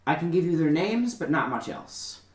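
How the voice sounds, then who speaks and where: A man's voice: on the high side, lively intonation, moderate pace, a little hiss or hum, voice pushed up, close to an everyday voice. Guy doing a blunt agent boss, just laying out the job, echoey room. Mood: businesslike. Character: curt male agent boss giving a job. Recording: roomy echo.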